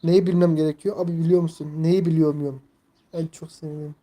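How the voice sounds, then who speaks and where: Mellow-voiced young man chatting on a live stream. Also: on the high side, little pitch movement, brisk. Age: 20s. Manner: rambling, filler-heavy, reads chat aloud. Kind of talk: casual live-stream chat.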